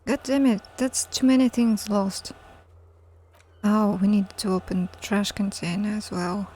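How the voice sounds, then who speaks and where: A woman's voice: medium pitch, steady tone, measured pace, warm tone. A woman streamer playing a story game live, reading it aloud and musing with chatty asides.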